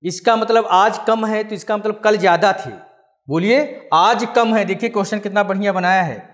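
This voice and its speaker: A man teaching an exam-prep English grammar class, calling his students children and asking and answering his own questions, with the English example sentences read out slowly. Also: high-pitched, fairly bright tone. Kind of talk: classroom-style grammar lesson.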